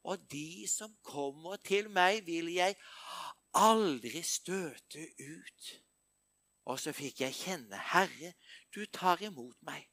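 An older man preaching a sermon, moving between hushed, intimate passages and emphatic bursts. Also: a little high, no echo, studio quality.

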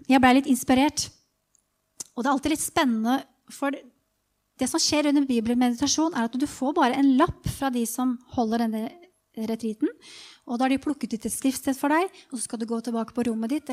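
A woman's voice: sits high, darkish tone. A woman preaching to a congregation in an informal, hesitant way, with many fillers. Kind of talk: sermon talk to a congregation.

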